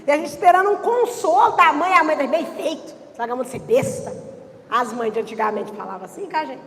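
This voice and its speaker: A woman pastor gives an animated sermon and keeps teasing and questioning her congregation. Her voice sits very high. A long church reverb trails every phrase. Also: fairly quick, slight background noise. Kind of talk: lively sermon.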